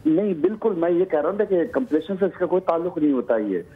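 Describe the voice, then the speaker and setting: A middle-aged man from Pakistan calling in to a show, sharing a story earnestly and haltingly. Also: fairly high pitch, lively intonation, a little hiss or hum. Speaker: caller. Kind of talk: phone-in call. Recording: tinny phone line, husky.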